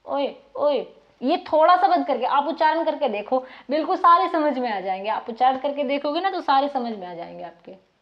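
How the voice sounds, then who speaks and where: A woman teacher giving a slow, dictation-style lesson, repeating each word for note-taking and asking her pupils questions. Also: high voice, lively intonation. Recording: muffled lo-fi recording.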